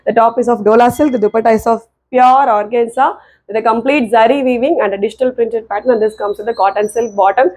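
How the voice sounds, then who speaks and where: A middle-aged woman with a Tamil accent shows off merchandise in an informal, emphatic sales patter. Her voice is fairly high and somewhat husky, and she races along very quickly, repeating herself and switching between languages. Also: a little mellow. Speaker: clothing seller presenting products. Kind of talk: informal product showcase, mixing languages. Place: small tiled indoor room. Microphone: clip-on lapel mic.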